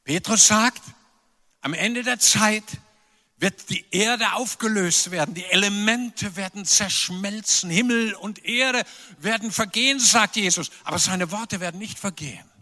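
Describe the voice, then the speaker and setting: Pastor preaching, high bright voice, lively and emphatic, echoey church hall. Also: male voice, a little slow. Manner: animated preaching, emphatic bursts, playful asides to the congregation. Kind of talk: sermon. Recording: long reverb of a large hall.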